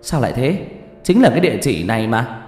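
An earnest, polite young village man, voiced by a male narrator, stammering when shaken. His pitch rises and falls freely, in a roomy hall with long reverb and soft music underneath. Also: sing-song, a little fast, natural voice. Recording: echoey room with long reverb, faint music.

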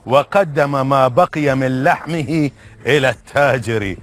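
A man narrating a folk tale in a calm, measured storytelling voice. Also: medium pitch. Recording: background music.

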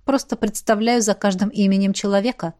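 A woman voicing a soft-spoken, calm young man. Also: high voice, brisk, natural voice. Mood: gentle.

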